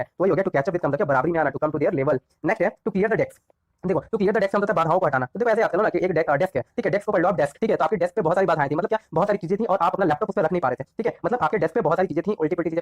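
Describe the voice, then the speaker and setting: Male teacher, high voice, rapid patter, dry close sound, self-answering questions. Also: no echo. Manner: repetitive, rhetorical questions and answers. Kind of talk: explaining English idioms in Hindi.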